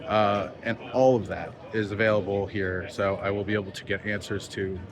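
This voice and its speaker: Low-voiced man vlogging amid crowd noise. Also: steady tone, moderate pace. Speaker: vlog host, film sound mixer. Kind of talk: casual vlog to camera. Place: busy convention venue. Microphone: phone's built-in microphone. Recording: busy crowd noise, phone microphone. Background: crowd chatter.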